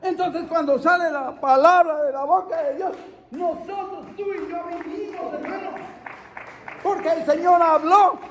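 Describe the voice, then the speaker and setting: A middle-aged man preaching a fervent sermon at a night church service, calling out to his listeners as brothers and bursting into shouts. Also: very high-pitched, steady tone, normal speed, a faint crowd, slight background noise. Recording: long hall reverb.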